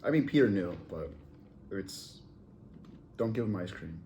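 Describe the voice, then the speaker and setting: Young man, Wisconsin accent, wry laid-back storyteller, lowish voice, faint background hiss. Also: expressive, measured pace, dark tone. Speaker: college band member. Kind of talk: casual storytelling chat.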